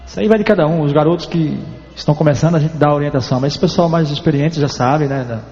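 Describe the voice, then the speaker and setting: A man from Alagoas, a former goalkeeper now coaching keepers, explaining calmly in an interview. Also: a little high, big-room sound, lo-fi sound, faint music behind. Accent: Alagoas Brazilian. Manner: calm, measured explanations. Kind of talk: interview answers.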